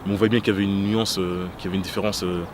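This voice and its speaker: A man's voice: low-pitched, level tone, rapid-fire. A man from Congo in his thirties, giving a testimony interview with many hesitations and restarts. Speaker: interview guest. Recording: loud background noise.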